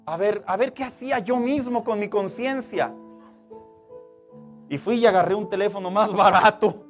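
A man's voice: high voice, moderate pace, faint music behind. A man, preaching a sermon as pastor with emphatic, stressed phrases.

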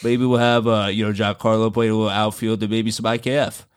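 A man's voice: fairly low pitch, level tone, fairly quick, clean tone, natural voice. A man putting on an impression of a mild, plodding baseball manager with a folksy, reassuring drawl, a little off-mic. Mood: complacent.

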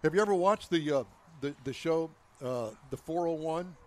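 A man's voice: a little high, moderate pace, a little mellow. Teasing, wisecracking male co-host. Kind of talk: joking banter.

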